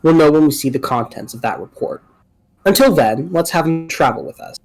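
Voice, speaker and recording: A man's voice: on the high side, lively intonation, brisk, a little mellow, rough recording. A man voicing an earnest young mercenary commander, cautious but decisive, in a game read-aloud.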